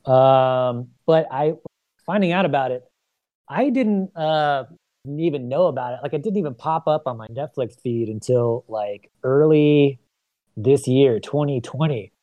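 A man's voice: medium pitch, no room sound, highs cut off. A man on a podcast, talking casually and eagerly, with frequent fillers and restarts. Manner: enthusiastic, halting with fillers. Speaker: podcast co-host. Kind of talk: casual chat.

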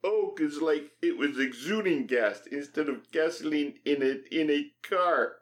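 A man's voice: a little high, unhurried, voice pushed up, close to an everyday voice. A man voicing a chatty, obliging leprechaun in a comedy skit. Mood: musing. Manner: lilting stage-Irish leprechaun voice. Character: chatty old-country Irish leprechaun helper.

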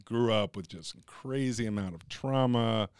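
A man's voice: fairly low pitch, normal speed, darkish tone, smooth, no echo, studio quality. A man from Kentucky, a podcast guest and entrepreneur, telling his life story in an earnest, open way. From US Midwest, Kentucky. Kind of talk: candid interview storytelling.

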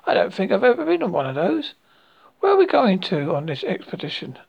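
A storybook reader voicing Winnie the Pooh, an eager, simple honey-loving bear, in a high sing-song way. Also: wildly swooping pitch, a little fast, vocal fry, husky, dull audio, full character voice. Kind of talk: storybook reading.

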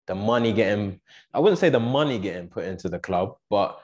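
A man's voice: lowish voice, expressive, a little fast, darkish tone, lo-fi sound. A man hosting a casual interview chat in a laid-back, slangy way. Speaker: podcast host, former academy footballer.

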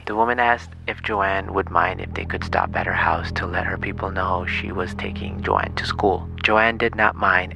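A man narrating a scripted true crime show in a suspenseful, grave and measured storytelling manner. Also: sits low, gravelly, rough recording. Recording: music behind the voice.

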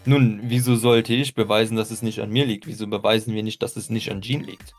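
A man's voice: fairly low pitch, fairly even intonation, a little fast, soft background music. A man playing a character in a tabletop role-play, hesitant and stammering while he argues back. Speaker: player.

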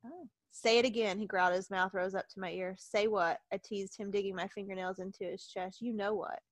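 A woman's voice: mid-range voice, steady tone, brisk, no echo. A woman reading fan fiction aloud on a podcast, giggling and breaking off in embarrassment. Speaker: podcast co-host.

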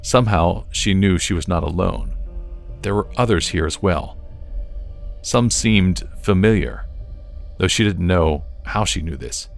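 A man narrating an audiobook in a slow, measured storytelling manner. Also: low voice, vocal fry, faint music behind. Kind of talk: scripted narration.

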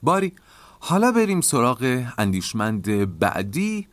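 A man hosting a podcast, calmly explaining ideas in a reflective lecture and often asking rhetorical questions. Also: medium pitch, dry recording. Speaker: podcast host.

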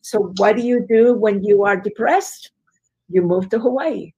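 Gravelly-voiced woman telling her story. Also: mid-range voice, a little slow, dark tone, muffled recording. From Chile. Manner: earnest, emphatic storyteller with fillers. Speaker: guest, business educator. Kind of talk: conversational storytelling interview.

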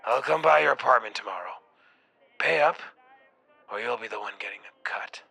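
Man doing a gruff, creaky old landlord. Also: mid-range voice, normal speed, bright, forceful tone, full character voice. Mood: cold, menacing. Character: gruff, unsympathetic landlord in his sixties. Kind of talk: comedy script table read.

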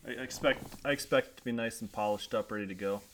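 A man chatting casually as a guest, joking and a little halting, often repeating his words. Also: fairly low pitch, slight background noise. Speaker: guest league member. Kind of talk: casual chat.

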